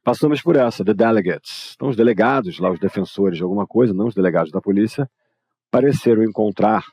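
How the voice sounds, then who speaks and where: A man's voice: on the low side, quick pace, dark tone, breathy edge, no echo. A man with a Brazilian Portuguese accent teaching English grammar in a live online lesson, explaining informally and talking straight to his students.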